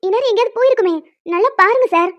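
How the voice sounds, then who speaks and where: A woman's voice: extremely high pitch, very fast, a bit bright, dull audio. A woman voicing a timid, tearful young woman in a cartoon, talking in a pleading way. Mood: nervous. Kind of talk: cartoon voice acting.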